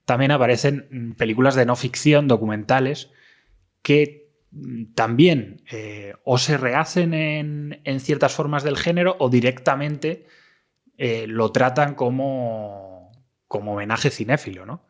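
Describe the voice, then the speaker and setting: A man hosting a film podcast, speaking in a measured way with hesitations. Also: medium pitch. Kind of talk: casual film discussion.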